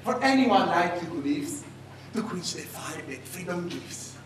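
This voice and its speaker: A woman putting on a deeper voice to deliver a defiant rhyming verse on stage. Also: lively intonation, a little slow, heavy background noise. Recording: echoey theater from far off, loud music.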